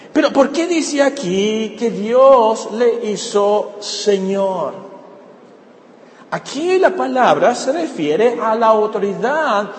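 A male pastor preaching a sermon with animated delivery, repeating phrases for emphasis. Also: sits high. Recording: echoey hall with faint ambience.

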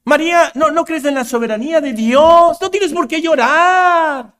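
A man voicing an impatient, scolding figure who hurls loud, drawn-out reproachful questions. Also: very high-pitched, pitched above the performer's own voice. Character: impatient scolding male preacher-imagined Jesus.

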